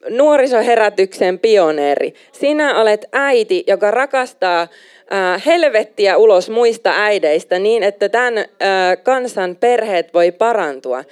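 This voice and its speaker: A young adult woman preaching a sermon, emphatic and animated, slipping in English phrases now and then. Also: mid-range voice, clear, resonant tone.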